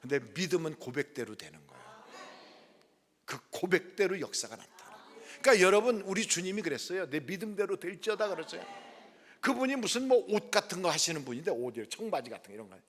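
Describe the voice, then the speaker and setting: A middle-aged male pastor preaching a sermon, telling a story with lively delivery and acting out the people in it. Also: sits high, brisk. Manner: lively storytelling, acts out quoted voices softly. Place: prayer house worship hall. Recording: long hall reverb.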